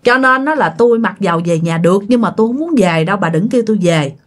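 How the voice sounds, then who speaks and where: A woman's voice: medium pitch, lively intonation, fast, natural voice. A woman with a Southern Vietnamese accent voicing the tearful, vengeful ghost of a murdered husband in a told ghost story. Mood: stubborn.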